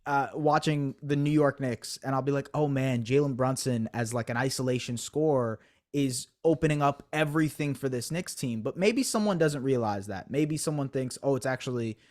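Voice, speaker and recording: A young man talks through his thinking in a relaxed podcast chat. He circles back on himself, stacks up fillers and restarts, and pokes fun at himself as he goes. His voice sits at an ordinary middle pitch for a man. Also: normal speed. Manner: thoughtful, self-deprecating, lots of fillers and restarts. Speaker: basketball analyst guest. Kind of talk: conversational podcast interview.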